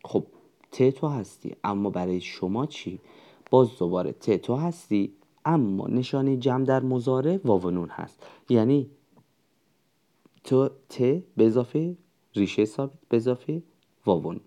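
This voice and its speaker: A man's voice: medium pitch, lively intonation, long pauses, warm tone. A man teaching a spoken language lesson, patiently explaining step by step and reading out word lists one by one. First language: Persian.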